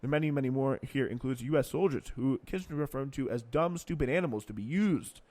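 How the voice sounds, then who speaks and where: A man's voice: mid-range voice, quick pace, a little mellow, dry recording. Sardonic male podcast host. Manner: sardonic, sarcastic asides. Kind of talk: political commentary, reading and remarking.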